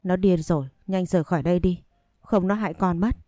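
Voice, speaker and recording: A woman voices a frail elderly grandmother over 60, weak and frightened. Her lines come low and soft-toned, short of breath in the telling. Faint music sits underneath, and the sound is dry. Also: brisk, no echo, close to an everyday voice.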